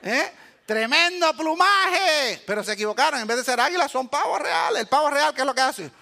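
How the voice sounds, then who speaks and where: A man from Cuba, preaching a sermon as an animated storyteller who acts out voices and keeps checking in with the congregation. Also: very high-pitched, fairly quick, gravelly. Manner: animated storyteller, acts out quotes, asks "eh?" often. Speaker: pastor.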